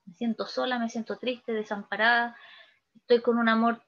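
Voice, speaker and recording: A Chilean woman teaching a literature lesson in a fairly high voice. She keeps asking "¿ya?" and "¿se fijan?" to check that her listeners follow. The recording sounds dull and lo-fi. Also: little pitch movement, normal speed, a bit bright. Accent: Chilean Spanish.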